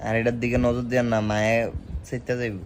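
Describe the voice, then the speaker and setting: A man's voice: medium pitch, flat delivery, fairly quick. A man, playing a child in a comic sketch and talking in a whiny, complaining way. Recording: noisy background.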